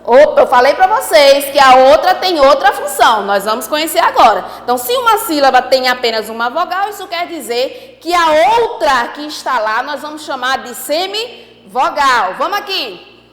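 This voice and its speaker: A woman teacher giving an online class, lively, asking the class questions and repeating key points. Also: sits high, normal speed, roomy sound, long reverb tail.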